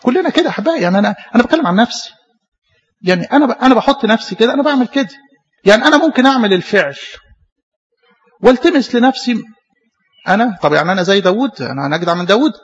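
A man with an Egyptian Arabic accent delivers a sermon at a brisk clip, in a high, slightly husky voice. He presses his points with rhetorical questions and repeated phrases. The recording sounds dull and lo-fi. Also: expressive. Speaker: preacher.

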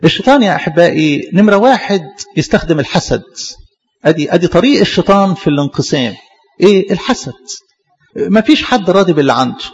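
A man with an Egyptian accent, a pastor, preaching a sermon in a quick, repetitive style full of rhetorical questions. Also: sits high, expressive, big-room sound, highs cut off. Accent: Egyptian Arabic. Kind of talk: Coptic church sermon.

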